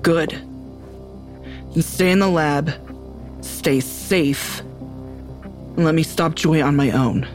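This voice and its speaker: A curt, commanding sheriff. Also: female voice, deep voice, takes it slowly, pauses often, darkish tone, faint music behind. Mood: stern. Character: tough, blunt female sheriff. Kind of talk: audio drama acting.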